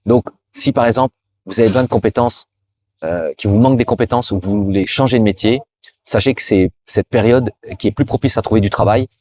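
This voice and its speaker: A Frenchman with a lowish, slightly mellow voice hosts a career advice video, speaking fairly quickly. He gives informal tips directly to the viewer, frequently restarting sentences and repeating words.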